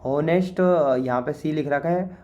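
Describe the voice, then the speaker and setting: A man with an Indian accent, teaching by walking through an exam paper in a chatty way, often saying "okay" and reading English lines slowly. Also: a little high, dark tone, dull audio. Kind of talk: exam paper walkthrough lesson.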